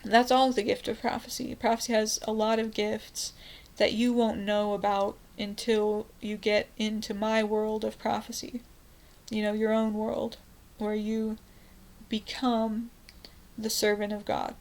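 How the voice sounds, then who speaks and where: A woman's voice: mid-range voice, level tone, unhurried, darkish tone, rough recording. A woman giving a rambling, fervent evangelizing monologue as a self-styled prophet, with frequent restarts and "you know" fillers.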